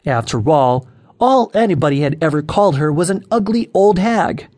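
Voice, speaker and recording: A man narrating a children's audiobook in an expressive storytelling way. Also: fairly high pitch, normal speed.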